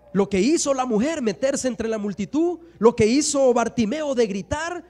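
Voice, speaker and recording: A man's voice: extremely high pitch, darkish tone. A middle-aged man preaching a sermon in a church, swinging his emphasis and acting out voices from the stories he tells. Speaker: pastor. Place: church sanctuary.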